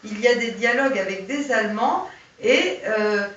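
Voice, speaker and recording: A woman's voice: a little high, normal speed, fairly bright tone. A woman giving informal, hesitant commentary on poems at a library lecture, with many fillers and restarts. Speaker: poetry reader at a lecture. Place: public library hall. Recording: roomy, distant, dull sound, faint hiss.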